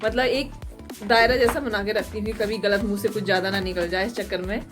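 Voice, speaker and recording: A young woman vlogging about her household chores in a casual, chatty way, her voice hoarse from a cold, with faint music behind her. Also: mid-range voice, fairly even intonation, quick pace. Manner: chatty, running commentary on chores. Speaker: family vlogger. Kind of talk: casual home vlog narration.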